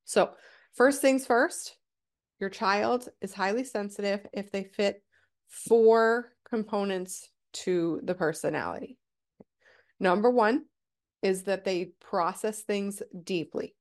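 A woman hosts a parenting podcast, explaining things in a casual, teacherly way and often checking in with "right?" Her mid-range voice is steady and a little slow, stuffy and nasal from a cold.

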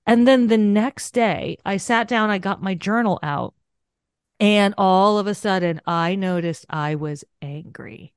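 A woman's voice: mid-range voice, unhurried, clean tone, dry recording, studio quality. A woman podcast host and coach, chatting casually and animatedly in an interview, telling stories about herself and laughing often. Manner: animated storyteller, self-deprecating, laughs often.

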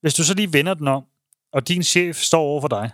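A man's voice: a little high, a bit bright, dry recording, studio quality. A man co-hosting a casual podcast, speaking earnestly and reflectively, thinking aloud as he goes. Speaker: podcast co-host.

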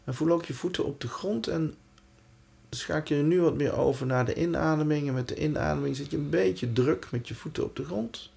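A man guiding a breathing and body-awareness exercise in a calm, reassuring way, leaving pauses between short instructions. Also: fairly high pitch, vocal fry. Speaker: relaxation and breathwork guide.

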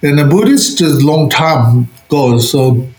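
A man giving spiritual teaching as an interview guest, speaking halting non-native English. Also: fairly high pitch, a little mellow. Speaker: interview guest, Buddhist lama and author. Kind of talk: explanatory spiritual teaching in conversation. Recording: roomy, echoing space.

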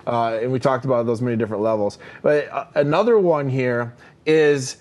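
This man co-hosts a laid-back leadership podcast, speaking with energy and emphasis in a coaching style, full of fillers and frequent "right?" check-ins. His pitch is medium and his pace moderate.

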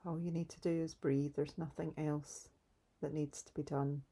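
A woman leading a calm guided grounding exercise in a soft, soothing, unhurried way, pausing between instructions. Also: sits low, breathy edge. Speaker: meditation guide.

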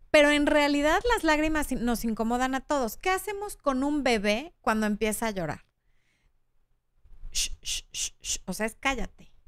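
A woman's voice: a little high, fairly bright tone, clear, resonant tone, no room sound. A woman in her thirties with a Mexican Spanish accent, hosting a frank, chatty relationship advice talk and reading out viewer comments. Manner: frank, chatty, acts out quoted voices.

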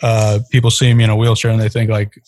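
A man's voice: lowish voice, completely flat delivery, fast talker, a little mellow, no echo. A man being interviewed, speaking casually and filling his sentences with "like.". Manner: casual, heavy use of "like". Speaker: interview guest. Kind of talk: conversational interview.

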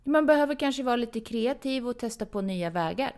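Woman co-hosting a chatty podcast. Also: on the high side. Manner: lively, reads listener messages aloud. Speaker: podcast co-host. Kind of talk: casual chat.

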